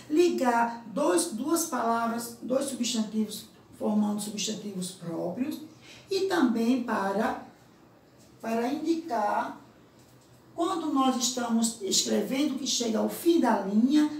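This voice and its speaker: A woman teacher with a Brazilian Portuguese accent gives a recorded lesson to young pupils, drawing out example words slowly and checking in often with the class. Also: a little high, a little mellow, a little hiss or hum. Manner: slow, drawn-out example words, frequent "certo?" check-ins. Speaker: primary school teacher. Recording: echoey room, from a distance.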